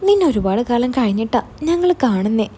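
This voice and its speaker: A frank, earnest young woman in a storybook audio tale, voiced by a woman narrator. She talks plainly to her brother in a mellow, slightly high voice. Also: big pitch swings, a little fast, husky.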